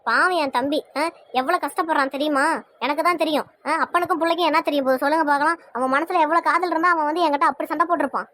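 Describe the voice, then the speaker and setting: A woman's voice: high voice, steady tone, racing, sharp tone, no room sound. A woman voicing a nagging cartoon mother. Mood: angry. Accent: Tirunelveli Tamil. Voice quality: nagging, sarcastic. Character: angry mother siding with her brother. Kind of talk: cartoon voice acting.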